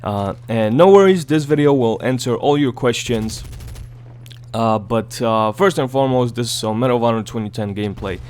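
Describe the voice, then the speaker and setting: A man's voice: medium pitch, normal speed, a little mellow, smooth. Groggy man giving casual game commentary. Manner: rambling, repeats words, swears casually. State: groggy morning voice. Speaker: gaming YouTuber.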